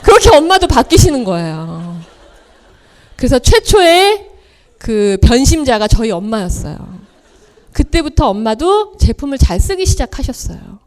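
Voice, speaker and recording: A high-voiced woman speaks at a seminar. Her pitch leaps and falls as she tells personal stories, and she slips into the voices of the people she quotes. She is middle-aged and talks in the manner of a motivational speech. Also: very animated, a little slow, a little mellow. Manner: storytelling, acting out quoted family voices with big swings.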